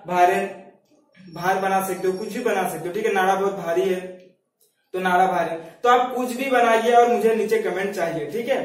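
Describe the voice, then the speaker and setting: A male teacher explaining memory tricks, asking questions and answering them himself, and saying "okay" between points. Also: high voice. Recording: very echoey room, mic far off.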